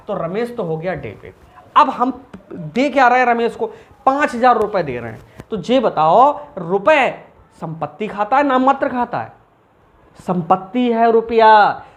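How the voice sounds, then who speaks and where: Lively male commerce teacher. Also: sits high. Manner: animated, asks and answers his own questions. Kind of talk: informal recorded lesson.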